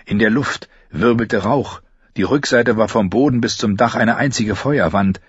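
A man's voice: lowish voice, moderate pace, slightly rough, no echo, highs cut off. A man reading a fantasy novel aloud as an audiobook narrator, telling it steadily and raising his voice for the characters' lines.

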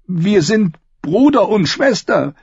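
A proud, desperate queen, as a male audiobook reader voices her, pitched far above his own voice and swinging wildly in tone. Her voice stays husky and gravelly as she pleads and mocks. The recording is dry and dull. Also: big pitch swings, takes it slowly, a little mellow, no echo, full character voice. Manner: pleading, then scornful and biting.

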